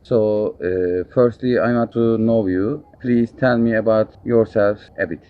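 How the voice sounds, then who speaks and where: A man hosting a casual interview, asking simple questions slowly in halting English. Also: lowish voice, smooth. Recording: tinny phone-like sound, faint noise.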